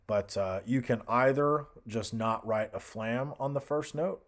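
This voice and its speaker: A man giving a casual software tutorial as an instructor, hesitant and thinking aloud as he goes. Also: medium pitch, measured pace, slight background noise.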